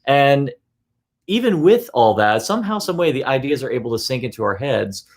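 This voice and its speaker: Male co-host, gravelly, rambling film talk with frequent restarts. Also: medium pitch, normal speed. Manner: rambling, restarts sentences, animated. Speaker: podcast co-host. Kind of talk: casual film discussion.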